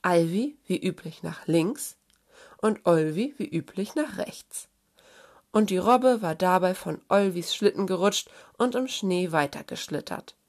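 A woman reading a children's story aloud in a gentle, expressive way. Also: fairly low pitch, measured pace.

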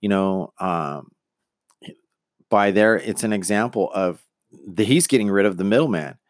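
Recorded dry and at studio quality, this middle-aged man speaks a little slowly at a fairly low pitch. Hosting his podcast, he muses on personal branding in an earnest, motivational ramble, stumbling through frequent fillers and restarts.

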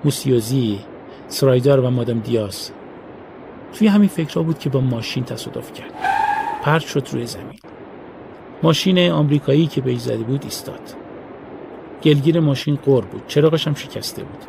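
A man reading a story aloud in a steady, measured audiobook narration. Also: mid-range voice, vocal fry, noisy background.

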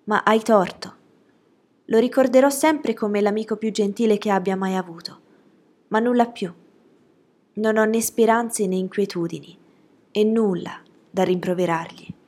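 A woman voicing a gentle young woman, a sweet and forgiving elder sister, speaking earnestly in a slightly raised voice. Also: medium pitch, unhurried, close to an everyday voice.

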